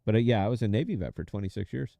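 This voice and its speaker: A man's voice: fairly low pitch, racing, vocal fry, warm tone, dry recording. A man, chatting casually to viewers while he plays a game. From United States. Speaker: game streamer. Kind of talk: casual gameplay commentary.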